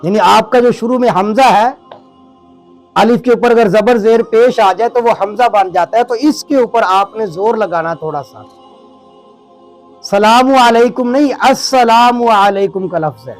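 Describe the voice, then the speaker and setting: A man from Pakistan teaching prayer recitation with a Pakistani Urdu accent, slowing down to pronounce words syllable by syllable. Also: sits high, faint music behind. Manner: slows down to spell out words syllable by syllable. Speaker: religious teacher. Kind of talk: recorded lesson on prayer recitation.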